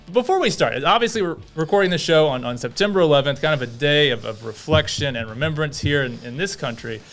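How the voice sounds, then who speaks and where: A man's voice: fairly high pitch, expressive, fast, a bit bright. A man hosting a podcast, upbeat and conversational as he steers the talk. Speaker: podcast host. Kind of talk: casual podcast chat.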